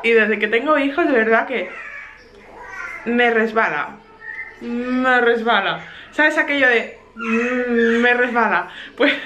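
A young woman from Spain with a Spanish accent, a mother telling a lively anecdote in a casual vlog, laughing as she talks. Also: on the high side, a little hiss or hum. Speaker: vlogger mother of two. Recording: roomy echo.

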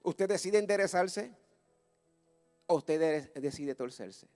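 A male pastor, preaching a fervent Pentecostal sermon through a story that builds to loud exclamations. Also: a little high, expressive, slow pace, soft background music. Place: church service.

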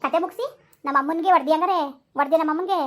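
A woman's voice: very high voice, racing. A woman acting in a village comedy skit, scolding and cursing a husband in repetitive angry rants. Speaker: angry mother and wife in a skit.

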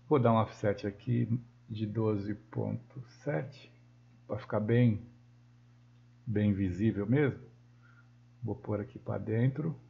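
A Brazilian man with a Brazilian Portuguese accent gives a screen-recorded software tutorial, thinking aloud as he works and correcting himself often. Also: on the low side, vocal fry. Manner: thinks aloud while working, with frequent self-corrections. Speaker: software instructor. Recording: dull lo-fi sound.

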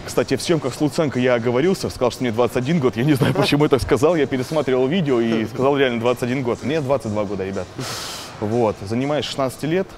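A man's voice: medium pitch, fast, over music. A man in his twenties, a bodybuilder, chatting casually and talking straight to viewers in a gym. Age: 20s. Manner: chatty, addresses viewers directly. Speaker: bodybuilder guest. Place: indoor gym.

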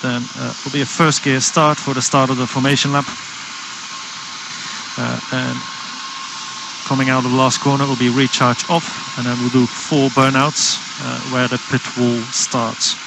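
A man working as a race engineer, giving halting procedural instructions over race car team radio. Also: medium pitch, little pitch movement, vocal fry, background noise. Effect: team radio transmission.

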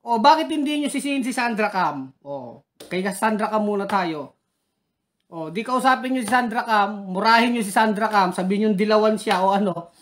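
A woman's voice: medium pitch, expressive, moderate pace. A woman giving combative political commentary, taunting critics and challenging them directly. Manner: taunting, heckles critics and reads their names.

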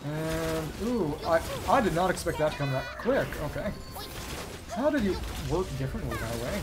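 A young man streams a video game, rambling and thinking out loud to himself while he plays. His voice is a bit high and swings widely in pitch at a moderate pace, with game music and sound effects in the background.

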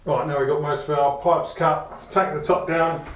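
A man's voice: on the high side, fairly even intonation, normal speed, over loud music. Chatty man in an echoey bathroom. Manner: chatty, practical, thinks aloud with fillers. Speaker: DIY vlogger. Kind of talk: casual DIY narration. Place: small tiled bathroom indoors. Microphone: action camera. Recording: echoey tiled room, faint noise.

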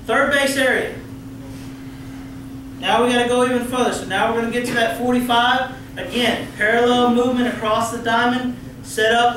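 This is an umpire clinic presenter: a middle-aged Texan man whose very high-pitched voice carries over background noise. He teaches a roomful of umpires in a large meeting space, coaching, posing questions and joking in a folksy way, recorded from afar by a room camera with no mic seen, in heavy echo.

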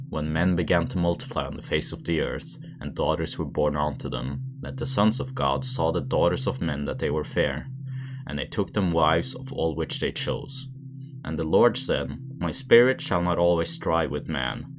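A man reading scripture aloud in a monotone manner. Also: very deep voice. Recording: background music under the voice. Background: music.

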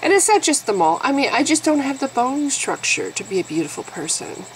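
A woman's voice: high voice, big pitch swings, fairly quick, slight background noise, low-quality recording. A woman in her fifties with a nasal voice, vlogging to camera in a blunt, sarcastic way. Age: 50s. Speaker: YouTube vlogger. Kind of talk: candid talking-to-camera vlog.

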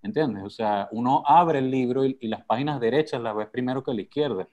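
Hombre explicativo con acento latinoamericano. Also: male voice, medium pitch, a little fast, a little mellow, lo-fi sound. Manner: explanatory, many fillers. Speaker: moderator of a book talk. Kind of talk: casual video call conversation. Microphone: video call.

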